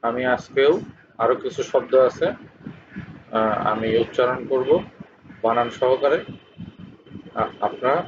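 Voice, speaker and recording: A man giving a spoken English lesson, pausing often with filler sounds and spelling words out letter by letter. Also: mid-range voice. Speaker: English teacher. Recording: dull lo-fi recording with faint hiss.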